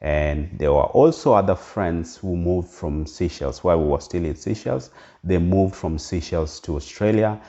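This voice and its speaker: Speaking directly to his viewers in a relaxed way, a middle-aged man from Kenya with a Kenyan accent comes across as earnest, filling his talk with fillers and restarts. His low-pitched, dark voice keeps a moderate pace over dull, lo-fi sound.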